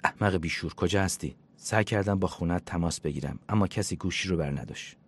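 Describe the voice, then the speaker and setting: Bossy psychologist lady, nags then sweet-talks, raised pitch over a husky voice, man putting her on. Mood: scolding. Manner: scolding yet coaxing, talks fast and insistently. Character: brisk meddling woman psychologist friend.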